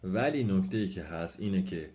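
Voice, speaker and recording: A man gives a language lesson in a deep voice with a mellow, dark tone. He explains each point patiently and says the example sentences slowly, repeating them. He speaks to his viewers politely and formally. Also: lively intonation. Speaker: language teacher. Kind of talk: spoken lesson.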